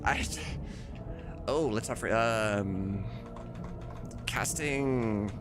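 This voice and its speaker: On his live stream, a thirtysomething game dub maker speaks extremely slowly in a voice on the low side. With music behind him, he chats casually and rambles candidly.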